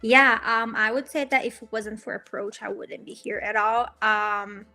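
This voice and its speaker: Faint music plays behind a cheerful Brazilian student in her twenties as she shares her story in a casual interview, her Brazilian Portuguese accent clear. She speaks at normal speed in a fairly high, pushed and bright voice with fairly even intonation. Her telling is full of ums and small laughs.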